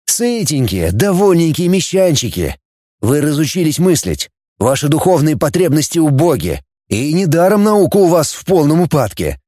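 A man's voice: a little high, sing-song, moderate pace, warm tone, dry recording, studio quality, voice pushed up. A man playing a cynical, blunt male outcast who talks in a sardonic, scornful way.

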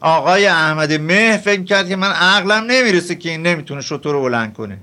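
An older man voicing a calm old Sufi master. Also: sits high.

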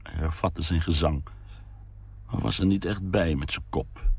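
A man narrating a short story in a very deep, gravelly voice. He reads slowly and calmly, with a husky edge, recorded close and dry. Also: no room sound. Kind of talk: scripted narration.

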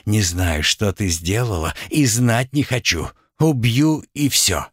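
A man's voice: on the low side, lively intonation, takes it slowly, breathy edge, dry recording, clean studio sound, heavily acted. A man voicing a hateful muttering woman. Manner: muttering with hatred.

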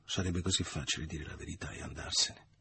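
A man reading aloud in the part of a cold, disgusted young man, flat and inward. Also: deep voice, a little fast, slight background noise. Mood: brooding.

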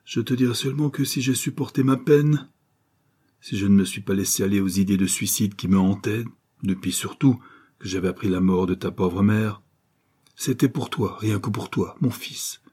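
A man's voice: lowish voice, moderate pace, dark tone. A man reading a grieving old ex-convict miller, pleading with his son in a muffled, breathless voice. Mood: tender grief. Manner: hoarse, breathless, emotional pleading.

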